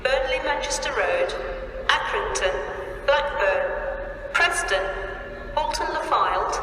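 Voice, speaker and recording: A woman giving automated railway station announcements over a public address loudspeaker in measured, evenly spaced phrases. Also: a little high, a little hiss or hum. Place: large railway station concourse. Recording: echoey station hall from far off.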